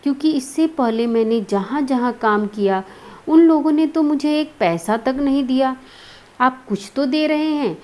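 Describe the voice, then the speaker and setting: A woman's voice: on the high side, moderate pace, hardly any pauses, lightly acted. A woman reading as a timid, trembling young maid. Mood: frightened. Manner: soft, trembling, close to tears. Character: timid young maidservant, frightened, meek.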